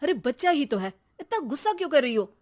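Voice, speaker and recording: A woman's voice: high voice, sing-song, quick pace, darkish tone, voice pushed up. A woman voicing an irritated office-working father, complaining dryly in a children's cartoon story. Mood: teasing. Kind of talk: animated children's comedy story.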